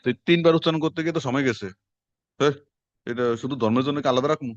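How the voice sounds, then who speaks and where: A man, teaching a class in quick, conversational lecture style and quizzing his students as he goes. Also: fairly high pitch, dry recording. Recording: dull lo-fi classroom recording.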